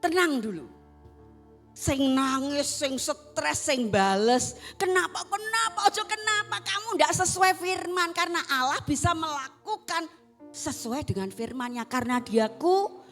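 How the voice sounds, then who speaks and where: A woman with a Javanese accent preaching a sermon, swinging between loud exhortation and hushed asides. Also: high-pitched, expressive, unhurried, soft background music. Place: church service.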